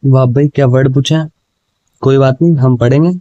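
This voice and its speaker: Man, casual exam prep teacher, mellow voice, reads questions slowly, then chats them through in Hindi and English. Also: medium pitch, steady tone, no room sound, lo-fi sound. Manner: explains in Hindi with English words, often says "ठीक है" and "भाई".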